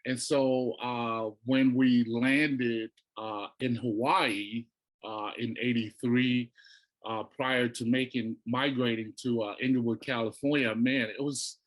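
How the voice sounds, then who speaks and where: A middle-aged man from Tonga, a guest telling his life story in a relaxed, reflective way, full of "you know" and restarts. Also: mid-range voice, slow, low-quality recording. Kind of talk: casual storytelling interview.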